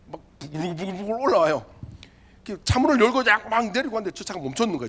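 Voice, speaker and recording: A male youth pastor preaches to teenagers in a bright, high voice that leaps up and down as he tells a story. He slips into comic voices for the people in it and keeps turning to his listeners with direct, chatty questions. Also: husky. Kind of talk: sermon to a youth group.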